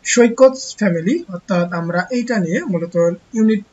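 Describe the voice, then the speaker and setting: A teacher gives an online textbook lesson to young pupils. The teacher asks rhetorical questions and answers them, slowly repeating key words. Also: mid-range voice, darkish tone, dull audio, a little hiss or hum.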